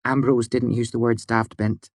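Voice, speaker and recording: In clean studio sound with no room tone, a man speaks at medium pitch and normal speed, natural-sounding but raised above his own register. He's voicing a bold, playful young woman, teasing her friends in a lively way.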